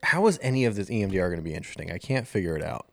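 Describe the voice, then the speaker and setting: A man's voice: low voice, big pitch swings, very fast, creaky, over loud music. A man co-hosting a casual podcast, joking and self-deprecating as he explains things. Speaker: podcast co-host. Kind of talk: casual chat.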